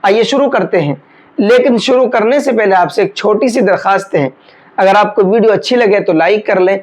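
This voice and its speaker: A Quran recitation teacher giving a tajweed lesson, explaining each rule patiently step by step and breaking into slow, drawn-out chanted recitation of single words. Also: mid-range voice.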